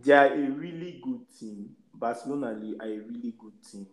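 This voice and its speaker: Male football panelist, emphatic and repetitive in argument, mid-pitched, roomy echoey recording. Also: a little fast. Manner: emphatic, repeats his points. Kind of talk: casual sports debate.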